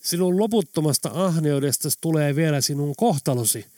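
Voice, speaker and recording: A man reading an audiobook, voicing a mysterious, calm older Lapland man who speaks in solemn, measured pronouncements. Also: a little high, no echo, studio quality, natural voice. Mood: accusing.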